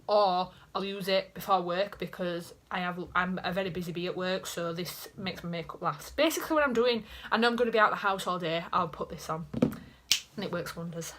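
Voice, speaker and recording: In a small bedroom, a Yorkshire-accented young beauty vlogger talks quickly to camera, wandering off topic with self-mocking comments. Her pitch is fairly low and her tone fairly bright. The camera faces her at desk height, and there's slight background noise.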